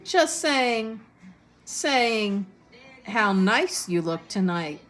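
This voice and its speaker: A woman's voice: mid-range voice, sing-song, very slow, pitched above the performer's own voice, heavily acted. A woman doing an anxious, bookish schoolgirl. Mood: flustered. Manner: anxious, falsely bright.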